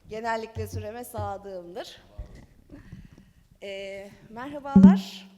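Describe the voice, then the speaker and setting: A woman's voice: medium pitch, slow pace, dark tone. A middle-aged woman speaking at a lectern microphone in a large conference hall, giving a chatty, conversational law talk with light laughter. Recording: long hall reverb.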